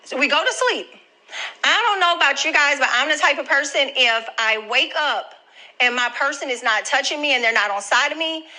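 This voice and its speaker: A woman's voice: fairly high pitch, pushed and bright, low-quality recording. A grandmother telling viewers a personal story in a chatty, direct way. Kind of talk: casual storytelling to camera.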